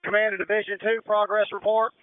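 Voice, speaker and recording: High, clear male fire commander on radio. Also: flat delivery, dry recording. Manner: brisk, directive, procedural. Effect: two-way radio. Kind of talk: emergency radio dispatch commands. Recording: narrow-band fire radio transmission.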